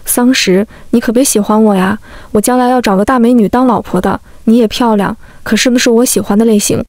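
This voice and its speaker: A woman's voice: on the high side, steady tone, a little fast, darkish tone, no echo, natural voice. Cocky, dismissive young man in a storybook reading, as a woman narrator reads his lines, light voice, dry sound. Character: careless, cocky young man, the heroine's childhood friend.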